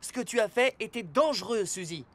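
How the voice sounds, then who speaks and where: A man voicing a calm, protective rescue police car that teaches children safety in a dubbed cartoon. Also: high-pitched, brisk. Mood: instructive. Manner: calm, instructive. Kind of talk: cartoon dub. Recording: loud music behind voice.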